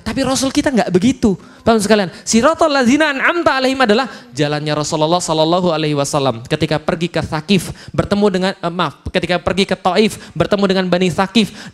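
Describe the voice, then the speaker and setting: A man with an Indonesian accent preaching a lively, humorous sermon at a study gathering, acting out quotes dramatically. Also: sits high. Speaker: Islamic preacher.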